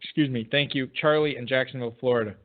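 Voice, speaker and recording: A man's voice: mid-range voice, fast. Man co-host on a phone-like line. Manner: relaxed, bantering, reads emails aloud. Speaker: podcast co-host reading listener emails. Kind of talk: casual chat. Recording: phone-like narrow sound.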